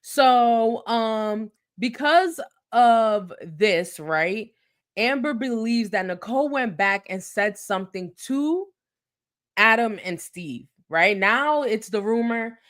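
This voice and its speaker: A woman's voice: on the high side, slow pace. A woman co-hosting a casual recap podcast, talking animatedly and acting out what people said. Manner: animated, acts out quotes. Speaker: podcast co-host.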